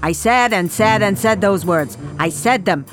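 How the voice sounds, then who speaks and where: A woman reading a rhyming children's story aloud, shifting from hushed lines to shrieking ones. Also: mid-range voice, animated, measured pace. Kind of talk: dramatic storybook read-aloud. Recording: music playing behind the voice.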